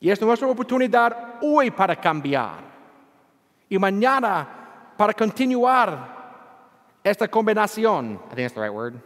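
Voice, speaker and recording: A priest who is a native English speaker preaches a bilingual homily at an evening Mass in a church, earnest and unhurried, often chuckling at himself. His high voice is a bit bright with big pitch swings. It is livestreamed over the church sound system, with long church-hall reverb.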